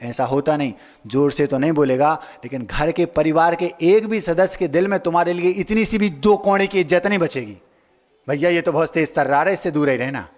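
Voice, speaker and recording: A man's voice: a little high, brisk. A man giving a sermon as a monk, emphatic, asking rhetorical questions and acting out the people he quotes. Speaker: Jain monk preacher. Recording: long hall reverb.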